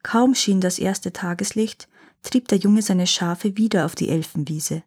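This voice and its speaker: A woman reading a fairy tale aloud, calm, with the dialogue gently acted. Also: medium pitch, a little slow, breathy edge. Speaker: storyteller.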